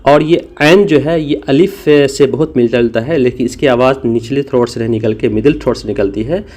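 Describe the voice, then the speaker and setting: A man's voice: medium pitch, darkish tone. Patient man teaching a language lesson. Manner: patient, explains slowly with demonstrations. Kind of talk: spoken lesson.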